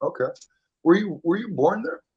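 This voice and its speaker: A man's voice: high voice, lively intonation, normal speed, husky, muffled recording. A middle-aged man, chatting casually and apologetically on a webcam call. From Canada. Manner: rambling, apologetic. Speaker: livestream host. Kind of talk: casual chat.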